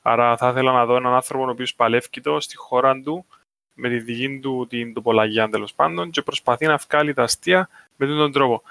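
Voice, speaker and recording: Male, Cypriot Greek accent, bright forward voice, casual discussion, dry close sound. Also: medium pitch, creaky, dry recording. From Cyprus.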